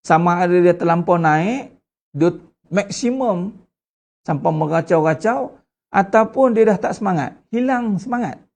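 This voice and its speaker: A religious teacher with a Malaysian Malay accent gives an Islamic study lecture, putting rhetorical questions to the congregation with lively emphasis. His voice is high-pitched, gravelly and measured in pace.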